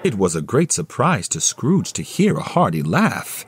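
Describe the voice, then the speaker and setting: A man's voice: fairly low pitch, huge pitch swings, moderate pace, husky. A man narrating a classic novel as dramatic, scripted storytelling, with a theatrical and solemn delivery. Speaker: narrator, solo performer.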